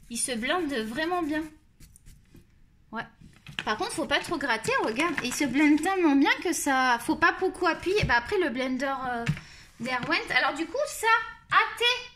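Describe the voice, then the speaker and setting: A French coloring channel host with a Marseille accent chats and rambles while testing coloring pencils on camera, poking fun at herself as she goes. Her voice is high-pitched and fairly bright, with slight background noise.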